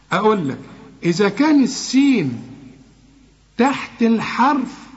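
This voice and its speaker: Egyptian male recitation teacher, higher-pitched, patient and corrective, dull low-fi recording. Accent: Egyptian Arabic. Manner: patient, corrective, demonstrates sounds slowly. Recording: dull lo-fi sound.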